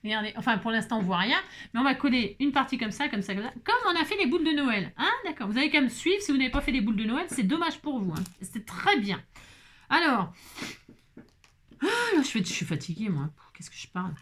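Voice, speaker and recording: A woman's voice: sits high, big pitch swings, brisk, a bit bright. A woman hosting a papercraft tutorial in a casual, chatty way, joking and speaking straight to her viewers with constant little filler tags.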